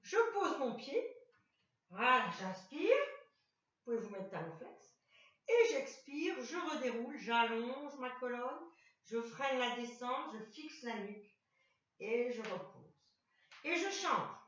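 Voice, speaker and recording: A woman leading a chair exercise class, calmly cueing each movement step by step and repeating commands. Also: a little high, unhurried. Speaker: fitness instructor. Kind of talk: guided exercise class instruction. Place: room with a chair and mat. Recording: echoey room, voice far from the mic, dull sound.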